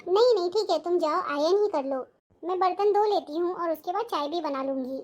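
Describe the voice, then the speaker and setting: An actress playing a patient, hardworking elder sister-in-law who often grumbles to herself, in a family drama. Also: female voice, very high-pitched, a little fast, darkish tone, highs cut off. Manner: fussing, complaining to herself. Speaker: actor.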